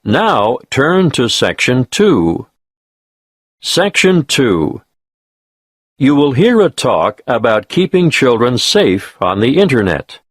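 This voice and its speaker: A man's voice: mid-range voice, big pitch swings, slightly rough, no echo, clean studio sound. A man reading formal instructions as the narrator of a listening test. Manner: measured, formal announcing. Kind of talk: scripted instructions.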